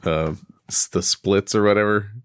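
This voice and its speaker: A man's voice: on the low side, steady tone, moderate pace, smooth, no room sound. A man co-hosting a podcast, chiming in with dry, teasing remarks. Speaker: podcast co-host. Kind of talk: casual chat.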